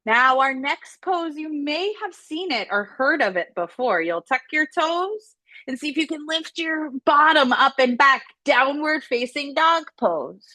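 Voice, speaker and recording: A woman yoga instructor gently guiding children and families through poses, with playful, encouraging cues. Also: high voice, expressive, unhurried, no room sound. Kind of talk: guided kids' yoga instruction.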